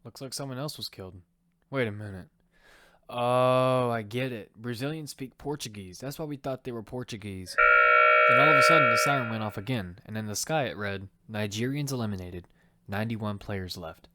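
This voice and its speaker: A medium-pitched man, lightly acted and moderately paced, narrates as the lead in amateur audio fiction, playing a determined young fighter relating how he survived. His mood is casual yet focused, and the amateur recording is clearly noisy and full of clicks.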